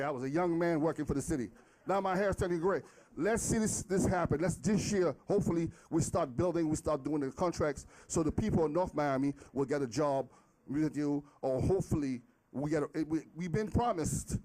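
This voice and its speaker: A middle-aged man speaks off the cuff as a resident at a public meeting. His voice is fairly high and very mellow, with a halting, repetitive, pleading manner. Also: poor audio. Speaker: resident and former city worker speaking at public comment. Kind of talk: impromptu public comment.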